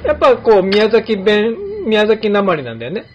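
A man's voice: high-pitched, moderate pace, slight background noise. A man in his late fifties from Kumamoto, hosting a casual chat and telling stories with many fillers. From Kumamoto, Japan. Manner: relaxed storytelling with many fillers. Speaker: podcast host, barber. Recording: slightly dull lo-fi audio.

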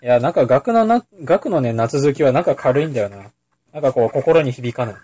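A man's voice: medium pitch, animated, fairly quick, mellow, breathy edge, no echo. A man co-hosting a casual chat show, blunt and skeptical in his opinions. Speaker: podcast co-host. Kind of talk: casual banter among friends.

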